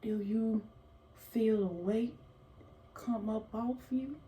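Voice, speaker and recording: A woman's voice: a little high, slow pace, warm tone. A woman giving casual motivational talk to camera, folksy and preachy, calling her viewers baby and y'all. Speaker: motivational vlogger. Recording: echoey room with faint noise.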